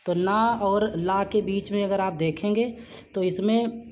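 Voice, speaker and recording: A patient, explanatory teacher talks through rules at a middling pitch, pausing on "uh" between phrases. Example words come out slowly, broken into single syllables, as in a classroom lesson. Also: steady tone, darkish tone, a little hiss or hum. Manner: patient and explanatory, with frequent "uh" fillers. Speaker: shorthand teacher. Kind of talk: spoken classroom-style lesson.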